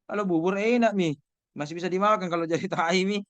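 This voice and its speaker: A man giving an informal class lecture, animated and teasing, questioning his students. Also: high voice, quick pace, no room sound, highs cut off.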